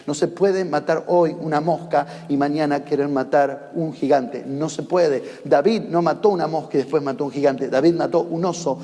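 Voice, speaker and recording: A man's voice: mid-range voice, warm tone. A man with a Rioplatense Spanish accent preaching a sermon, emphatic and calling on the congregation to repeat his words. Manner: emphatic, calls the congregation to repeat after him. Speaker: pastor. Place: church in the United States. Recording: long reverb of a church hall.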